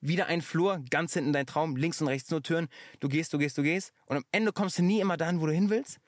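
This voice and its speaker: A man's voice: on the high side, quick pace, no echo, clean studio sound. Reflective man in casual chat. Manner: reflective, searching for words. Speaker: podcast guest.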